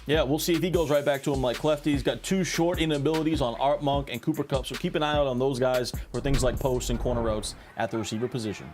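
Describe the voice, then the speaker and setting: A man's voice: medium pitch, steady tone, fast talker, few pauses, darkish tone, faint music behind. A man doing live esports color commentary, analytically breaking down plays and coverage adjustments.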